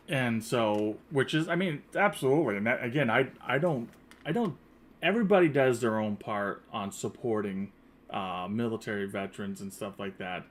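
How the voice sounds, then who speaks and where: This male podcast host, wearing an earpiece headset, rambles casually through the interview with plenty of fillers and restarts. His medium pitch has lively intonation, and his pace is moderate.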